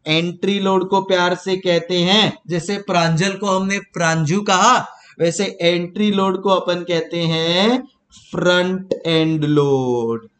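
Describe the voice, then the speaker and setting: Playful high-voiced teacher. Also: male voice, fairly bright tone. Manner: teasing and repetitive, mixing Hindi and English. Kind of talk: playful classroom lecture.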